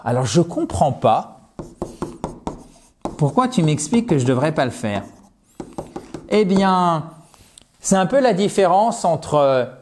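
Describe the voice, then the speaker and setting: A male teacher gives an online language lesson in a fairly high voice. He takes his time, speaking slowly and with lively emphasis. He addresses his viewers directly. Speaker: English teacher.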